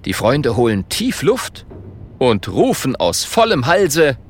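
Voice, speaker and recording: A man narrating a children's audiobook in a slow, expressive storytelling manner. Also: mid-range voice, husky.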